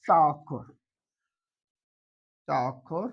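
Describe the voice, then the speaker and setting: A Quran reading teacher gives an online lesson on Arabic letters. The teacher talks patiently and repetitively, asks a question and answers it, and keeps checking that viewers are following. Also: slow. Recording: dull lo-fi recording.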